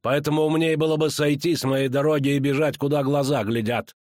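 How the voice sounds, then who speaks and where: A man voicing a menacing older male bounty hunter who taunts slowly and mockingly. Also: a little high, steady tone, a little mellow, dry recording, studio quality, lightly acted. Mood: sneering. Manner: slow, sneering, drawn-out taunts.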